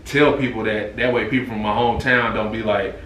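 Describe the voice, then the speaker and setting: A man's voice: on the low side, fairly even intonation, fairly quick. A young man from East Texas, a comedian, chatting as a podcast guest in a joking, playful way. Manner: joking, playful, boastful in jest. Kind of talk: casual chat. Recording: echoey room, mic at a distance, faint noise.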